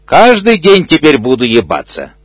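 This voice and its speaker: A man voicing a crude, excitable ostrich that squeals its lines. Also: on the high side, normal speed, no room sound. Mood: excited. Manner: squealing exclamations.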